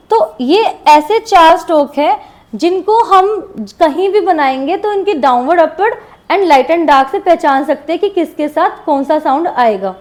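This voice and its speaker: A shorthand teacher gives a classroom lesson on shorthand strokes in a high, light voice with a darkish tone. She speaks slowly and patiently, repeating each example word as she writes, while a pen faintly scratches on paper beneath her voice.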